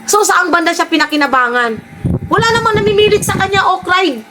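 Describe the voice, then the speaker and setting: A woman's voice: very high-pitched, brisk, background noise. A woman giving mocking, sarcastic reaction commentary on clips, often teasing and laughing.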